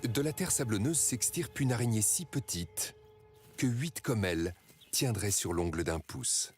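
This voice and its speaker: A man reading scripted nature documentary narration in a measured, dramatic storytelling way. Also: fairly low pitch, animated, a little mellow, soft background music.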